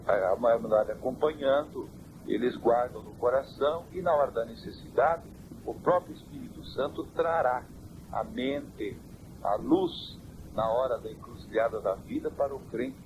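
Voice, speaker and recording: Church elder on hissy worn tape. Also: male voice, mid-range voice. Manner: measured, preaching doctrine. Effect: old worn cassette tape. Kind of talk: interview answers.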